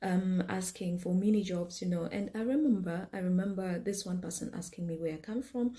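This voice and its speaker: A woman's voice: lowish voice, a little fast, dark tone. A woman from Kenya, likely in her thirties, casually telling her own life story to camera, chatty and full of fillers and repeated words.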